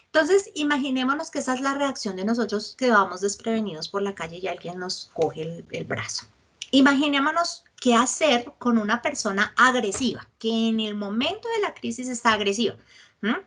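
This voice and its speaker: A woman with a Colombian accent teaching a psychological first aid workshop, checking in often with her listeners and acting out lively examples. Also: fairly high pitch, moderate pace. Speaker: workshop instructor.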